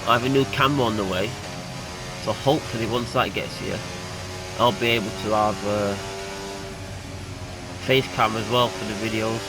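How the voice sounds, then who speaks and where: Hay fever gives this young gaming YouTuber a nasal sound as he chats excitably and casually over his racing game. His pitch is fairly low and his pace moderate, with frequent pauses. The home recording is noisy, with music in the background.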